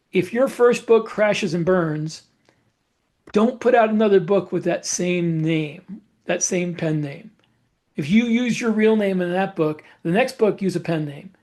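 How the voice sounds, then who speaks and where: Hosting a podcast, a man with a high-pitched, slightly mellow voice chats casually about book publishing, offering advice in a matter-of-fact way.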